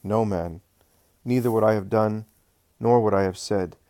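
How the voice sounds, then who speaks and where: A man voicing Jesus, speaking in a measured, solemn way. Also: on the low side, mellow, no echo, natural voice. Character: Jesus, calm solemn male teacher.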